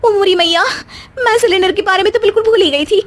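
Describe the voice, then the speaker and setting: A woman voicing a feisty, sarcastic young daughter-in-law who argues indignantly in an animated family comedy story. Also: very high-pitched, fast talker, voice pushed up. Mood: alarmed, protesting.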